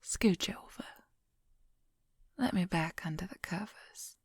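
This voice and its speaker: Whispering very close in a slow, breathy voice on the low side, a woman heavily acts the part of a loving female werewolf for ASMR, teasing gently and playfully. Captured on a close microphone, the sound is dry and near, with no room sound at all.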